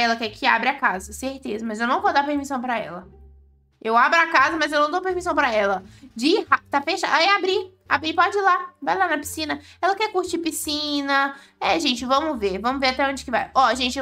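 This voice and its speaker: A woman's voice: high voice, fast talker, bright, forceful tone, soft background music. A woman with a Brazilian Portuguese accent giving chatty, exclaiming gameplay commentary to her viewers as the host of a gaming channel.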